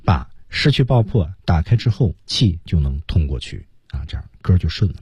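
A man teaching English on radio, with a husky, darker voice that sits fairly low but swings widely in pitch. He takes song lines apart word by word, pointing out stress and linking. The recording is close and dry. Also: big pitch swings, moderate pace, a little mellow, no room sound. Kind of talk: radio lesson on pronunciation and singing.

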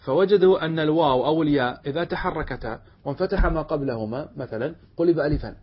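A man's voice: fairly high pitch, breathy edge. A male teacher giving a classroom lesson, explaining a text and asking his students questions that he answers himself. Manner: reads quoted passages slowly and deliberately. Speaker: teacher of Arabic rhetoric. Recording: dull lo-fi lecture recording.

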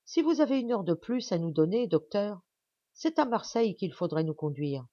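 A woman's voice: mid-range voice, animated, moderate pace, mellow, no echo, highs cut off, pitched above the performer's own voice, close to an everyday voice. A woman voicing a proud, angry young woman aviator with a clipped, tense delivery. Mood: pressing.

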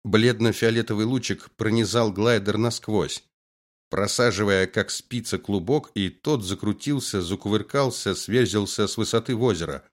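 A man narrating a science fiction audiobook in a brisk, dramatic reading style. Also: on the low side. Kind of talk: scripted narration.

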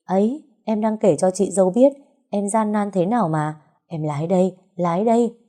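A woman's voice: medium pitch, moderate pace, warm tone, natural voice. A woman voicing a talkative young man who jokes and complains playfully, in a storybook reading. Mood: teasing. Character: joking talkative young man, teasing friend.

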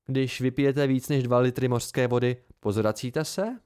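A man's voice: medium pitch, darkish tone, clean tone, natural voice. A man voicing an eager young male student offering answers.

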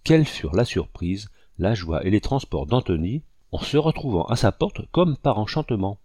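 Male storybook reader: low, warm, mellow tone, calm and measured narration. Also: slightly rough, no echo, studio quality. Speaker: audiobook reader. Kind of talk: scripted narration.

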